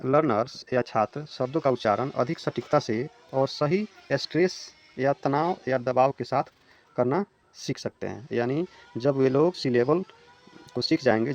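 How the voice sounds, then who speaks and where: A man teaching an English grammar lesson in Hindi, reading English definitions slowly, then explaining quickly and repeating example words. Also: medium pitch, a little mellow. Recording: slightly dull lo-fi recording.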